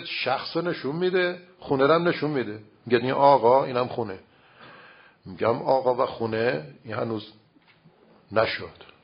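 Guy lecturing on philosophy, gravelly and husky, lots of rhetorical questions, dull lo-fi recording. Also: medium pitch. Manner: explains with everyday examples and rhetorical questions. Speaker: religious philosophy teacher. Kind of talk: informal lecture.

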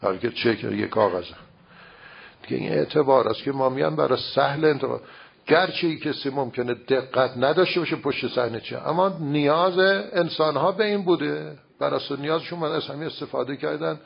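Gravelly husky man giving a lecture. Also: fairly high pitch. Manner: explains with everyday examples and rhetorical questions. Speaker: religious philosophy teacher. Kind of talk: informal lecture. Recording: dull lo-fi recording.

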